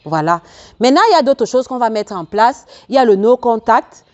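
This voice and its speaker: A life coach in a self-help video speaks straight to viewers in an earnest, preacher-like way, repeating phrases for emphasis and laughing between points. Her voice is on the high side, expressive and darkish, and she talks fairly quickly over lo-fi sound.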